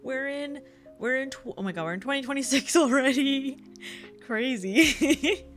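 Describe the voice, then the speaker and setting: Faint music runs behind this young woman's high, unhurried voice during a casual livestream. Chatting with viewers as a VTuber, she seems tired and stuffed up, with little energy, wandering from topic to topic and giggling frequently.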